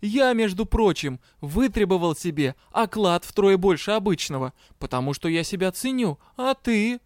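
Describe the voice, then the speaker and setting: A man's voice: high-pitched, lively intonation, moderate pace, darkish tone, dry recording, studio quality, voice pushed up. A man voicing a hot-tempered young male drow detective who scolds and rants in exasperation. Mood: lecturing.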